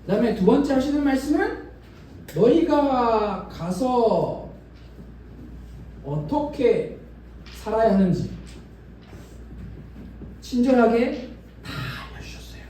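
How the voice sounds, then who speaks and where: A man's voice: very high voice, very animated, takes it slowly, pauses often, dark tone, slight background noise. A man giving a children's sermon in a church, asking the kids questions and acting out imagined dialogue. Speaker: children's ministry preacher. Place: church worship room. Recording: very echoey room, from a distance.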